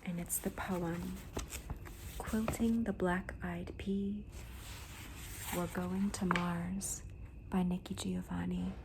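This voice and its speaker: A woman speaking in a hushed, breathy whisper in a soft-spoken ASMR book talk, with deliberate, gentle pauses between phrases. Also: on the low side, level tone. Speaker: host of a book haul video. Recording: noticeable background noise.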